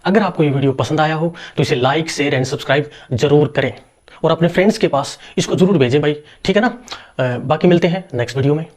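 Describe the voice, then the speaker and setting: A man's voice: a little high, brisk, a little mellow. A young man teaching a grammar lesson, explaining step by step, asking rhetorical questions and answering them himself. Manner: reassuring fillers and repeated checks. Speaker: English teacher.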